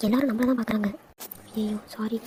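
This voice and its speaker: A woman's voice: fairly high pitch, steady tone, fast, warm tone, a little hiss or hum, lightly acted. A woman voicing the young women and mother of a family in a cartoon drama, affectionate and teasing.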